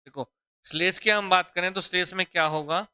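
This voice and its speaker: A man with a very bright, crisp, high-set voice teaches an exam-prep grammar lesson. He talks in a deliberate, drawn-out way and keeps asking the class questions and answering them himself. The sound is close and dry. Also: steady tone, no echo. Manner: repeats questions to students, calling them "beta" and "bachchon". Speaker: Hindi teacher.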